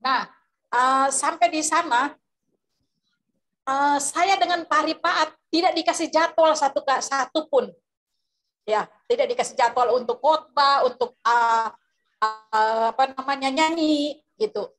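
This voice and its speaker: A woman's voice: sits high, measured pace, a bit bright. A woman preacher tells a story over a video call, rambling with many fillers and restarts. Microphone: video call microphone.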